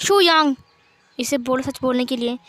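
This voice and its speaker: A woman's voice: high voice, normal speed, a bit bright, no echo, faint music behind. A woman voicing a cold, short-tempered young mafia boss who speaks in curt commands. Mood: angry.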